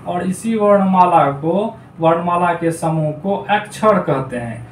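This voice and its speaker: High-voiced male teacher in an echoey room. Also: unhurried. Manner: repetitive, drills terms aloud. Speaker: Hindi grammar teacher. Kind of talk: classroom lesson to children. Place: noisy room. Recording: echoey room, distant mic, faint noise.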